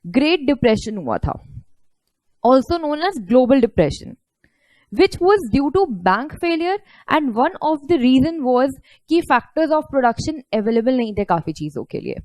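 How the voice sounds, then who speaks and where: Woman teacher, high voice, slow and patient, asks and answers her own questions. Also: sing-song, darkish tone, no echo. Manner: explains step by step, asks and answers her own questions, mixes Hindi and English. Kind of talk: online lecture.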